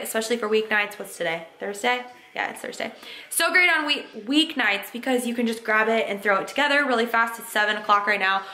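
A woman's voice: medium pitch, sharp tone, echoey room. A woman vlogging casually from her home kitchen, chatty and upbeat, rambling through asides to a camera set down nearby. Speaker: lifestyle vlogger.

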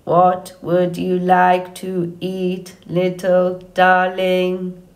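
In an audiobook story, a woman plays a friendly female robot who speaks with formal, earnest politeness, measured and without contractions. Her lowish, slightly mellow voice has a completely flat delivery.

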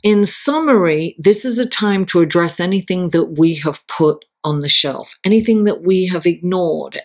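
Slow, low-pitched raspy middle-aged woman. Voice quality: slightly raspy. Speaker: astrologer and tarot reader, host. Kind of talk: unhurried weekly horoscope and tarot reading to camera. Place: indoors, seated at a table.

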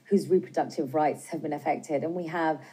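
With a deep, steady, dark and husky voice, a film director in her forties from Britain answers questions earnestly in a TV news studio. She wears a lapel mic and speaks in a measured way, pausing now and then in hesitation.

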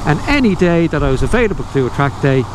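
A man with an Irish accent vlogs from his motorcycle as he rides through rain, rambling along casually with dry humor. He talks fast in a slightly high voice over steady engine, road and traffic sound.

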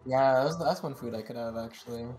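A man's voice: medium pitch, fairly quick, darkish tone, soft background music. A man in a gaming voice call making short, matter-of-fact remarks. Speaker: teammate in voice chat. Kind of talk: casual voice chat while gaming.

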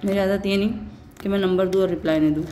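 A woman in her forties with a slightly sore throat chats warmly to her viewers while eating, calling them "beta" like a motherly aunt. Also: medium pitch, steady tone, racing. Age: 40s. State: throat a little sore, clears it often. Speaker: vlogger. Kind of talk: casual chat while eating on camera. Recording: echoey room with faint background noise.

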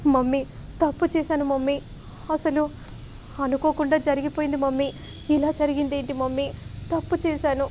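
A woman's voice: high-pitched, level tone, normal speed, pauses often, darkish tone, a little hiss or hum, lightly acted. A woman voicing a guilty young woman who keeps pleading to her mother. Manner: frantic, repetitive pleading.

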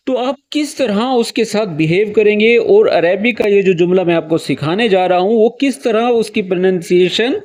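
High-voiced man teaching spoken Arabic. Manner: explains each phrase slowly, then repeats it with acted feeling. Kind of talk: friendly spoken-language lesson with acted phrases.

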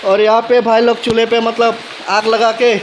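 A young male vlogger speaks in a very high, level voice, addressing his viewers chattily and often saying "दोस्तों" and "मतलब". He's outdoors by a forest stream and picnic shelter, filming on a phone at arm's length, with the stream's rush making the recording noisy.

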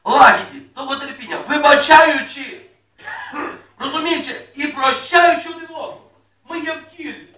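A man preaching a sermon to his congregation in a folksy way, asking them questions and rising loudly when he reads scripture. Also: extremely high pitch, moderate pace. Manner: folksy, asks the congregation questions, rises to loud reading. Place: church hall. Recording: echoey room, mic at a distance.

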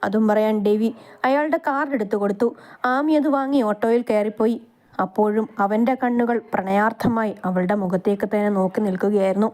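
A woman's voice: mid-range voice, a little fast, darkish tone. A woman with a Malayali accent narrating a romance story aloud, reading it dramatically and giving each character a voice.

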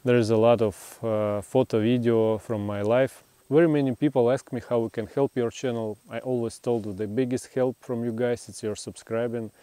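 A man in his thirties with a Russian accent, introducing his vlog in simple, halting English, recorded outdoors with a lapel mic. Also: medium pitch, steady tone, warm tone, smooth, no echo. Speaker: vlogger. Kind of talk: casual vlog intro and interview. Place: outdoors on a rural overlook.

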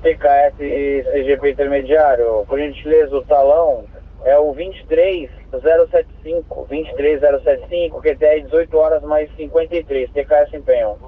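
A man's voice: a little high, fairly even intonation, moderate pace. A man with a Brazilian accent working as a police radio dispatcher, formally and courteously reading out codes and numbers over two-way radio. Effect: two-way radio transmission. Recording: tinny narrow-band police radio.

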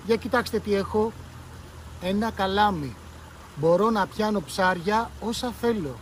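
Man reading as a bragging little boy, high, loud, quick-tempered, storybook reading. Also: a little hiss or hum, close to an everyday voice. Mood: boastful. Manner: loud, boastful.

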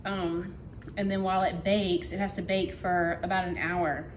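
A middle-aged woman talks her way through a recipe in a home kitchen, her voice sitting a little low. She chats and thinks aloud as she works, and loud clatter of dishes and pans carries under her from a camera on the counter. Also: little pitch movement, normal speed, background noise. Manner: chatty, talks while working, thinks aloud. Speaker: home cooking vlogger. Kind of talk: casual cook-along narration.

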